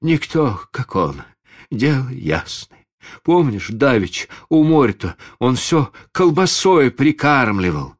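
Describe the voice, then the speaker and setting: A man's voice: medium pitch, sing-song, slow, pitched above the performer's own voice. A man doing a folksy, fretful old organ grinder. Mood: frightened. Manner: folksy, rambling old man's talk.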